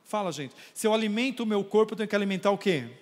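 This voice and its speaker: A man's voice: sits high, very fast. A man preaching a sermon as pastor, calling on the congregation to raise their hands and answer back. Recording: long reverb of a church hall.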